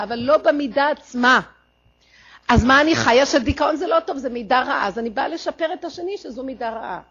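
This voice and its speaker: A woman with a slightly high voice teaches a religious lecture, explaining her points in a measured way. The recording is a little dull and lo-fi. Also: breathy edge.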